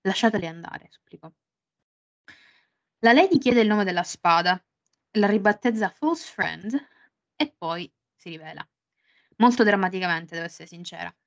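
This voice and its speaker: A woman's voice: mid-range voice, expressive, moderate pace, vocal fry, pauses often, no room sound, muffled recording. A woman co-hosting a casual book podcast. She reads passages aloud with drama and jokes and swears freely between them. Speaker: podcast co-host.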